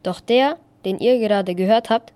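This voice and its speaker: Woman, news presenter, scripted, playful tone, mid pitch. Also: normal speed, mellow, clean tone.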